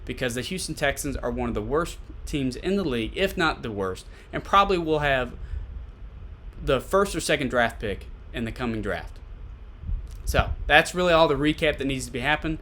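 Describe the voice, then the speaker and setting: A man's voice: medium pitch, animated, normal speed, fairly bright tone, a little hiss or hum. A man giving casual solo sports commentary as a podcast host, conversational and repeating points for emphasis. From Tennessee, USA.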